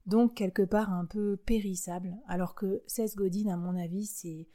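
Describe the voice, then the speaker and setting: A woman's voice: mid-range voice, fairly even intonation, moderate pace, mellow. A woman hosting a business advice show, talking in a chatty, enthusiastic way with frequent fillers and small laughs. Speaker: podcast host giving business advice. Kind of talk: casual advice monologue.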